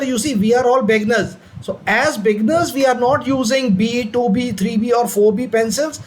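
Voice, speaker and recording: A man's voice: very high-pitched, slight background noise. A man giving an engineering lecture, explaining step by step and asking questions he then answers. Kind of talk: classroom lecture on drawing instruments.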